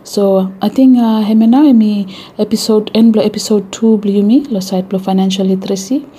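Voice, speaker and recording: A woman's voice: mid-range voice, steady tone, normal speed, warm tone, breathy edge. A woman with a Vanuatu accent hosting an informal educational radio talk in Melanesian pidgin mixed with English. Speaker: radio show host.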